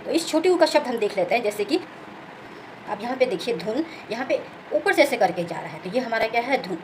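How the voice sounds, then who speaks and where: A woman teacher talks quickly in a fairly high voice. She explains a grammar lesson point by point and keeps asking whether it is clear. Faint background noise sits under her voice. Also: very animated. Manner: explains step by step, often asks "clear?" and says "okay".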